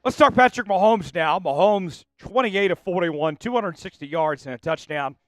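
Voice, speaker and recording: A man's voice: high voice, normal speed, dry recording. Upbeat man hosting a sports stream. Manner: energetic, rambling, talks straight to viewers. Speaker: sports show host. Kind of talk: casual live-stream sports talk.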